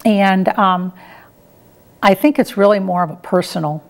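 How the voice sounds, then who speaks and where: With a mid-range voice and an unhurried pace, a middle-aged woman responds to interview questions. She is a retired air traffic controller and professor appearing as a guest, and she speaks in a plain, conversational and somewhat hesitant way.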